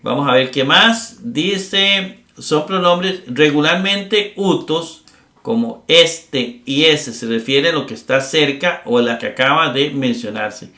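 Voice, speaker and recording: A man's voice: a little high, slow pace, pushed and bright, echoey room. A middle-aged man teaching a grammar lesson, explaining patiently with many fillers and tag questions. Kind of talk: recorded lecture.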